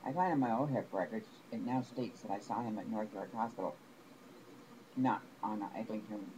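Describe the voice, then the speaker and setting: A man telling a long personal complaint to the camera, rambling and aggrieved, with halting restarts. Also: fairly low pitch. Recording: noisy home recording.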